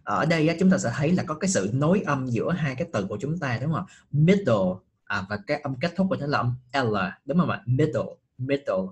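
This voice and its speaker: Middle-aged man, patient English teacher, slightly husky tone. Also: medium pitch, lively intonation, fast, few pauses. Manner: patient, checks often with rising questions. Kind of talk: online English class.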